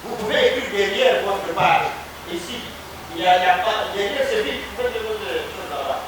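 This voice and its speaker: A man with a high-pitched voice, speaking at normal speed, teaches university Hebrew. Originally from the Democratic Republic of the Congo, he keeps coaxing students with repeated questions and prompts. The recording catches him from afar in an echoey, noisy classroom.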